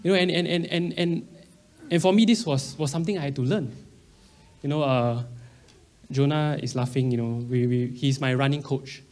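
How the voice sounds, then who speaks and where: A man's voice: medium pitch, normal speed, darkish tone. A man in his early thirties with a Singaporean accent, giving a conversational sermon in colloquial Singlish, full of local particles and slang. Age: early 30s. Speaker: preacher.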